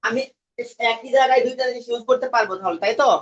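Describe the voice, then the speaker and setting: A man's voice: very high voice, very fast, fairly bright tone. A man teaching an English lesson, quizzing his students and mixing English words into his talk. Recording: dull lo-fi recording.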